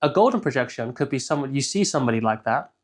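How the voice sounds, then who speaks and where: A man's voice: mid-range voice, animated, quick pace. Conversational young man. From England. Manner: conversational, keeps checking in with "right?". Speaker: life coach. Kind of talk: casual solo teaching talk.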